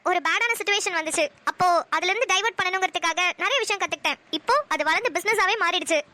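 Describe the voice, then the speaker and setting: A woman voicing a guarded, bright-voiced young businesswoman. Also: very high voice, racing, no echo. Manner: reserved, firm. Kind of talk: cartoon voice acting.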